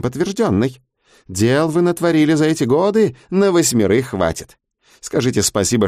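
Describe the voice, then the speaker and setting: A man's voice: mid-range voice, darkish tone, dry recording, clean studio sound, voice pushed up, lightly acted. A man voicing a mocking male interrogator who drags out his bureaucratic phrases. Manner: mocking, drawn-out officialese.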